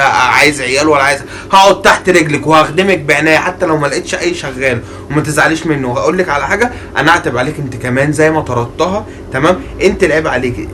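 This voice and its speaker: A man playing an indignant young husband who shouts and scolds in defense of his mother, with an Egyptian accent. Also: very high-pitched, echoey room, far from the mic, a little hiss or hum, heavily acted. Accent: Egyptian Arabic.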